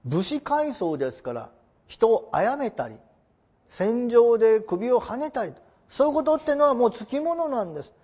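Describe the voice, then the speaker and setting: High, lively man lecturing, lo-fi. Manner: polite, explanatory, with rhetorical questions. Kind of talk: classroom lecture on traditional theatre. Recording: dull lo-fi recording.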